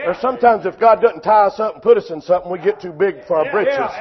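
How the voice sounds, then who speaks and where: A man preaching a sermon, impassioned and often shouting, with a repetitive preaching cadence. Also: high voice, fast, highs cut off, some chatter behind.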